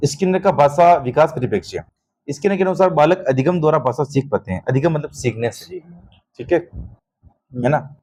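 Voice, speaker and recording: A man's voice: a little high, expressive, moderate pace, darkish tone, breathy edge. A man teaching an exam-prep lesson, constantly checking understanding with short questions and calling students "beta". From Rajasthan.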